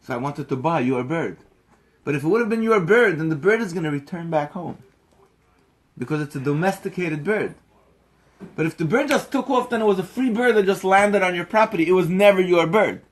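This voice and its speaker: This is an insistent grown man explaining a point about a bird, voiced by a man telling the tale. He climbs high and loud as he presses the argument home. It sounds like an everyday speaking voice lifted by conviction. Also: animated, fairly quick. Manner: insistent, rising emphatic lecturing tone. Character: adult male buyer explaining a bird is not the seller's.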